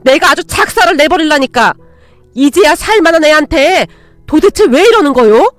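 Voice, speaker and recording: A woman's voice: sits high, expressive, moderate pace, dry recording, soft background music. A woman voicing an older mother-in-law who is stern to outsiders and caring to her daughter-in-law. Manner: firm, commanding, then gentle.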